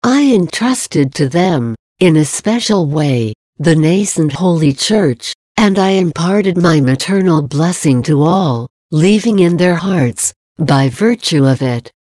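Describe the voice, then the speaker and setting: Brief: woman reading as a tender queen of heaven, low and slow, mellow and dry. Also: lively intonation, no echo, heavily acted. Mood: solemn. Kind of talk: devotional reading.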